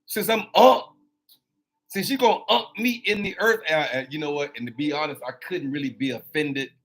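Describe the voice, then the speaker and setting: A man's voice: a little high, brisk, a bit bright. A man in his fifties hosting a motivational talk. He preaches animatedly, repeats phrases for emphasis and speaks straight to his listeners. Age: 50s. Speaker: host.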